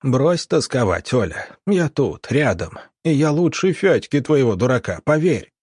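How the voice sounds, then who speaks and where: A man voicing a smug, scheming military doctor who wheedles and snarls, with a husky voice. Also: mid-range voice, sing-song, a little slow, a little mellow, no echo, studio quality, pitched above the performer's own voice. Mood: wheedling.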